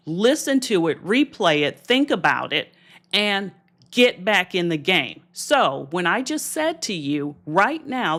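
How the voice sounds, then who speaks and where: A woman's voice: mid-range voice, fairly bright tone. A woman business coach talking directly to viewers on a livestream, encouraging and direct, with asides to her audience. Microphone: streaming camera setup.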